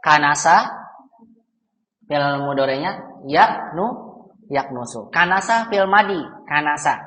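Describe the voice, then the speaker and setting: A man's voice: a little high, lively intonation, slow pace, bright, forceful tone. A man teaching an Arabic grammar class, patiently drilling students with questions and having them answer back. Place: mosque hall. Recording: roomy hall with long reverb.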